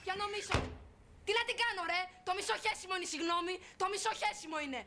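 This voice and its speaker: A woman's voice: very high-pitched, very noisy. An actress playing a foul-mouthed young woman in a vicious, insulting tirade in a film drama. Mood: venomous tirade. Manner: insulting, venomous, crude.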